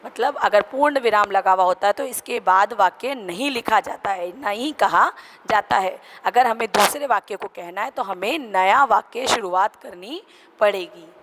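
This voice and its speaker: A woman teacher giving a recorded grammar lesson to children, explaining slowly, repeating example sentences and mixing in English words. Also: mid-range voice. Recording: noisy recording with clicks.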